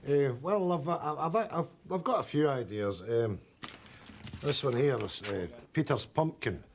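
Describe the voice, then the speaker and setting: An actor playing a bumbling old cartoonist who rambles with many hesitations and restarts in a sketch comedy. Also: male voice, mid-range voice, unhurried, slight background noise, close to an everyday voice. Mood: unsure. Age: older.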